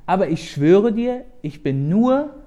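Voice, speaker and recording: A man's voice: high voice, very animated, measured pace, mellow. A man reading the lines of David, a frightened young man pleading with his friend for his life, in an urgent voice. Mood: fearful.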